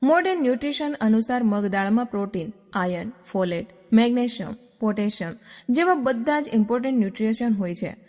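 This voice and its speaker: Lady explaining health tips like a scripted lesson, asks questions then answers them, kinda high voice. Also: expressive, a little fast, darkish tone, big-room sound. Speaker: health channel presenter.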